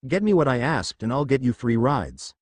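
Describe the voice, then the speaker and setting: A man's voice: medium pitch, sing-song, normal speed, dry recording. A man voicing a brutish male war god who talks in a hostile snarl. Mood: angry.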